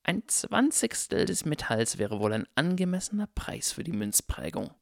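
Guy doing a gravelly old-world goblin banker, sly and slow, dry audiobook sound. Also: on the high side, big pitch swings, no echo, voice pushed up. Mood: guarded. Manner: slow, drawn-out, sneering delivery. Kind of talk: audiobook character voice.

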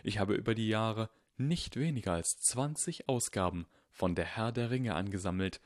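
A man voicing an eccentric, kindly old wizard headmaster, speaking softly and unhurriedly. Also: fairly low pitch, no echo, clean studio sound, lightly acted. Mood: wry. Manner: soft, unhurried and gently whimsical. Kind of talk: audiobook character voice.

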